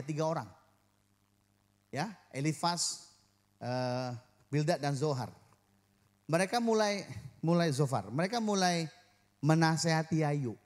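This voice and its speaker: A man preaching a sermon as pastor to his church, joking with the congregation and acting out quoted voices. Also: on the high side.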